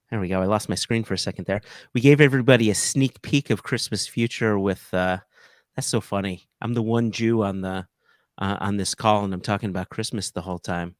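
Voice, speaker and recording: A man's voice: on the low side, steady tone, moderate pace, no echo, clean studio sound. A man hosting a casual live stream, joking and stumbling over his words as he corrects himself. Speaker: host.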